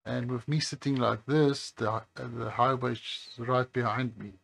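A low, gravelly-voiced man hosts a phone repair channel, speaking casually to the camera as he works at a bench by a highway. He talks slowly and comfortably, hesitating many times along the way.

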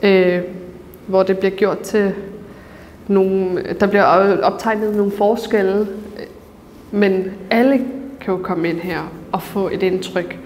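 A woman's voice: medium pitch, fairly even intonation, a little mellow. A woman in her thirties talks earnestly and reflectively, stopping often to find her words. Her mid-range voice is picked up on a lapel mic. A long reverb from the large museum gallery hangs behind her, along with a faint hiss. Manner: earnest, thoughtful, with many pauses and fillers. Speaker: author and debater. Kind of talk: reflective interview.

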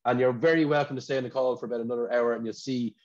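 A man's voice: mid-range voice, steady tone, very fast, a little mellow. An Irish man hosting an awards ceremony over a video call, chatty and often repeating words as he talks. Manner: chatty, repeats words when searching for them. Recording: dull lo-fi video call audio.

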